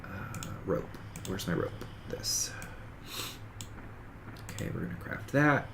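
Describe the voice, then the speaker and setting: Over a noisy background, a man with a low-pitched, animated voice and vocal fry talks slowly, stuffy and sniffly from a cold. He's a gaming streamer doing casual let's-play commentary on a survival game, rambling, self-correcting, and walking through each game step.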